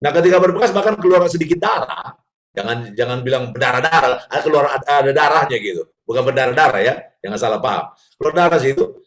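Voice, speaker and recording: A man telling family stories as a guest on a parenting talk show, animated and acting out scenes, with an Indonesian accent. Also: medium pitch, fast talker. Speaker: guest speaker, father.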